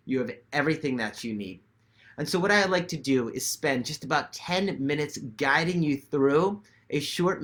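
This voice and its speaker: A man giving guided meditation instruction to viewers in a gentle, reassuring and measured way. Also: on the high side. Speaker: meditation teacher.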